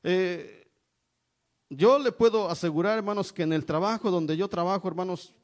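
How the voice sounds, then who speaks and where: High-voiced man preaching a sermon. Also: moderate pace. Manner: repeats "hermanos" constantly, emphatic preaching. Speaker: evangelist preacher.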